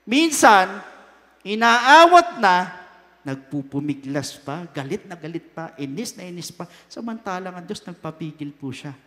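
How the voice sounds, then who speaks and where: A man with a Filipino accent preaching a sermon, emphatic and swinging between loud and soft. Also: high voice, very animated, a little slow. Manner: mixes Tagalog and English. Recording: long hall reverb.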